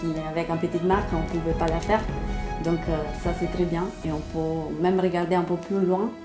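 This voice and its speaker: A woman working as a fashion stylist, speaking French in a casual promotional interview, using simple, halting phrases. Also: lowish voice, fairly even intonation, echoey room, over music. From Italy. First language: Italian.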